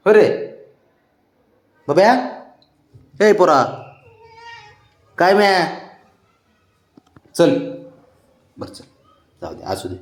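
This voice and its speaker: A man's voice: high voice, darkish tone. A man talking to his pet cat in coaxing, sing-song baby talk, repeating soothing words.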